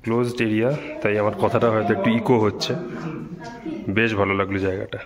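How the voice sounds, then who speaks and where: A man's voice: fairly low pitch, fast talker, a crowd in the background. A man casually showing viewers around, his voice echoing strongly inside a closed domed greenhouse. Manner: relaxed, admiring, chatty. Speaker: travel vlogger. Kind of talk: casual guided-tour narration to viewers. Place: indoors in a domed cactus house. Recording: roomy echo with people around.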